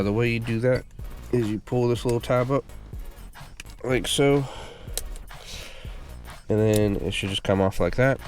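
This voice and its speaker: Hosting a car repair channel, a man with a low, stuffed-up, congested voice rambles casually through a repair while working at the car, sprinkling in lots of ums and uhs. Soft, faint music plays in the background.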